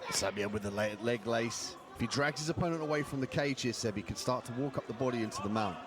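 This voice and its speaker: A man's voice: medium pitch, fast talker, a crowd in the background. A man giving technical live fight commentary as an analyst.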